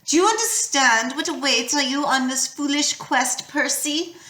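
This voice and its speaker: Woman reader as a coaxing snake-haired monster: slow, soft, menacing purr, echoey room. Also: high voice, pitched above the performer's own voice. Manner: soft purring menace, whispery.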